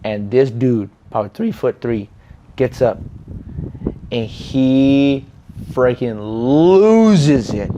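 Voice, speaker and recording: A man's voice: medium pitch, a little slow, pauses often, highs cut off, a little hiss or hum. A man co-hosting a casual chat, telling stories bluntly and with plenty of swearing. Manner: blunt, profane, animated storyteller. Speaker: podcast co-host.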